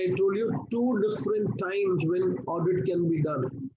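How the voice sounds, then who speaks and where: A man's voice: sits high, darkish tone, lo-fi sound, a little hiss or hum. A man with an Indian accent teaching an online class, coaxing students to pay attention and asking questions he answers himself. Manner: coaxing, checks attention, asks and answers own questions, drops into Hindi. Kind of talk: live online class lecture, explaining to students.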